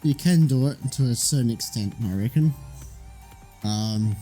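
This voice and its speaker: A man's voice: mid-range voice, measured pace, warm tone, soft background music. A man co-hosting a podcast in casual chat, laid-back and hesitant, agreeing often. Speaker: podcast co-host.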